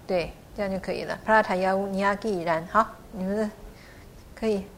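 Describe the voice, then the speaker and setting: A middle-aged woman teaching a class to pronounce a chant, patiently encouraging students and sounding out syllables slowly. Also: medium pitch, fairly even intonation, fairly bright tone, a little hiss or hum. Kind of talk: pronunciation lesson.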